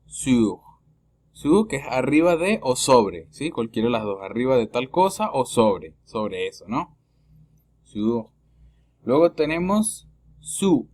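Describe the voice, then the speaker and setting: A man giving a recorded French lesson in Spanish, patient, saying words slowly twice and checking with a quick "¿sí?". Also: mid-range voice, darkish tone. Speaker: French teacher.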